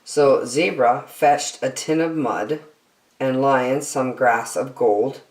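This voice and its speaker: Her voice rumbling low, a storytime reader performs a children's picture book with theatrical, deliberate phrasing. The mic is distant, and the recording sounds roomy and echoey.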